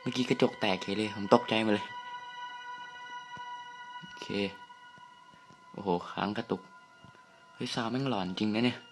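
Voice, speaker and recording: A young man giving casual let's-play commentary on a horror game, hushed and jumpy, with startled outbursts and swearing. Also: on the low side, steady tone, normal speed, pauses often, over music. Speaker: gamer playing a horror game.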